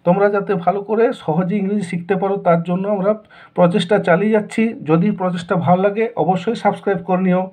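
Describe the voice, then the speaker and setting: A man's voice: sits high, steady tone, quick pace, darkish tone. A man with a Bengali accent teaching a school lesson, asking questions and answering them himself in a repetitive way. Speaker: English teacher. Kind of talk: classroom lesson explanation.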